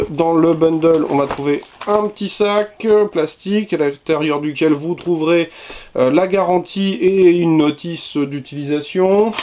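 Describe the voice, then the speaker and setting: A man's voice: fairly high pitch, a little mellow. A man casually unboxing and reviewing a keyboard, chatty with many fillers and self-corrections. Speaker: product reviewer.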